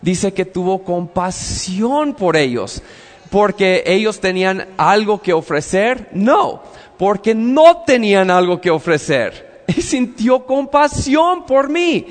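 Pastor guy preaching, slow and kinda high voice, chatty, big hall echo. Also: very animated. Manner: conversational preaching, acts out dialogues with God. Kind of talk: sermon.

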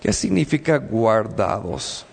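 A man's voice: lowish voice, very animated, takes it slowly, vocal fry, in a large hall. A man preaching a sermon in a conversational way, acting out little dialogues with God. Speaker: pastor.

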